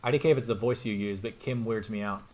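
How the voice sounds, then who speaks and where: A man chatting excitedly to viewers as he plays a video game, his throat getting tired. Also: on the low side, quick pace. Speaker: streamer playing a video game. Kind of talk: let's play commentary.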